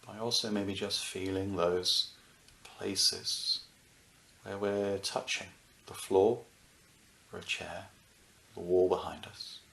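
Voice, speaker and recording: A meditation teacher with a lowish, creaky voice gently guides a meditation in short, soothing phrases, leaving unhurried pauses between them. His delivery is flat. The sound is roomy, with a clear echo around his words.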